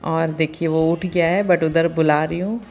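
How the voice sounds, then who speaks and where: Chatty low-voiced woman vlogging her day. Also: steady tone, a little mellow. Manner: chatty, homely, many filler pauses. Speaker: vlogger, mother of two. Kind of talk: casual daily-routine vlog narration.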